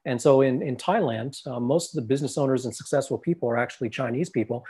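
A husky-voiced man from the United States, talking in a middle-pitched voice as co-host of a faith discussion. He is earnest and often repeats his opening words as he gets going. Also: quick pace, a little mellow. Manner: earnest, stammering repetitions.

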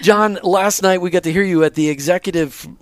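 High-voiced enthusiastic male show host. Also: fairly quick, no echo. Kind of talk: on-location radio interview.

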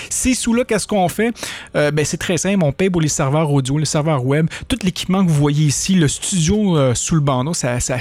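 A man with a Québécois accent hosting a podcast from a studio, talking in a chatty, rambling way with lively jumps in pitch. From Quebec. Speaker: podcast host. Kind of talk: casual podcast chat.

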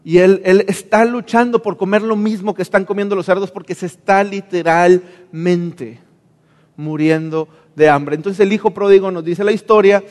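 High-voiced preacher. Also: male voice, fairly even intonation, moderate pace, darkish tone, big-room sound. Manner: earnest storytelling, acting out the characters. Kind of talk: sermon.

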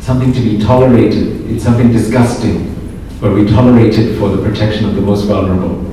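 Male friar, from Singapore, chatty lecturer who keeps asking "okay?"; warm low tone, booming roomy echo. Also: fairly even intonation, fast talker, slight background noise. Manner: conversational, checks in with "okay?", dry jokes. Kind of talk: informal lecture to a group. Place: large room in a pilgrim house. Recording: very echoey hall, distant mic.

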